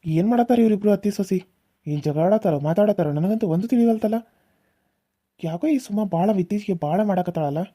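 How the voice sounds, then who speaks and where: A young village husband in a cartoon reasons with his mother and wife in a coaxing, mildly exasperated way, voiced by a woman. The voice is mellow and quick, recorded close and dry. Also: mid-range voice, no room sound, lightly acted. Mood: musing. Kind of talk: cartoon serial voice acting.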